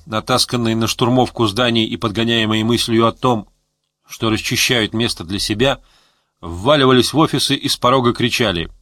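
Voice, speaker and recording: A man narrating an audiobook in a measured, steady reading voice. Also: medium pitch, dry recording, clean studio sound. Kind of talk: scripted narration.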